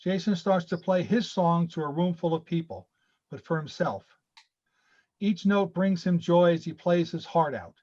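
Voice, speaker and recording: A man reading screenplay stage directions over a video call in a steady, matter-of-fact way. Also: a little high, normal speed, highs cut off.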